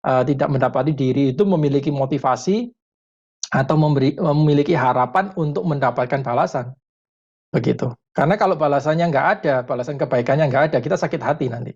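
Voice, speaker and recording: Brief: male parenting speaker, mid-pitch, unhurried and reflective, slightly muffled video-call sound. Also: a little mellow. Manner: thoughtful, pauses with many fillers, mixes in English terms. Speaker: parenting educator answering questions. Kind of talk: webinar consultation answer.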